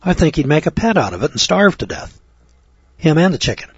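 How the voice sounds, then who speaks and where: A man's voice: fairly high pitch, big pitch swings, brisk, breathy edge, no echo, lo-fi sound. An older American man preaching, reading scripture aloud and breaking off into blunt, crude, scornful remarks. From United States. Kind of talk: folksy sermon reading scripture.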